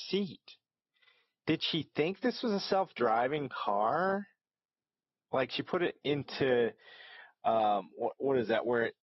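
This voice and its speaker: A man's voice: mid-range voice, dry recording, lo-fi sound. A man hosting a reaction video, talking casually and rambling, with lots of ums and restarts. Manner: rambling, hesitant, with many fillers.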